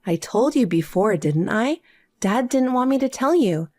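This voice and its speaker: A woman voicing a calm, self-assured adult younger sister who speaks matter-of-factly. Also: a little high, a little slow, voice pushed down. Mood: cool. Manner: cool and matter-of-fact.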